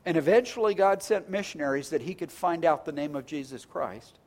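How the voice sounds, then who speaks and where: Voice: mid-range voice, expressive, brisk, darkish tone. A pastor preaching a sermon in a conversational, earnest way, often restarting words and stacking phrases into lists.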